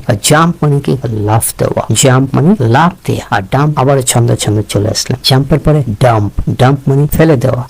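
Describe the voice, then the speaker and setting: Male teacher with a Bangladeshi accent, brisk drill-style vocabulary lesson, mid pitch. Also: darkish tone, low-quality recording. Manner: repeats each word and meaning in a drilling rhythm.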